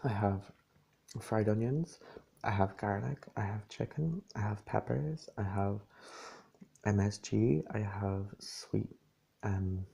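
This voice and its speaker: Gravelly soft-spoken man. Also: fairly low pitch, slow pace. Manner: gentle and reassuring, half-whispered at times. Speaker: ASMR creator. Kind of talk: soft-spoken ASMR chat.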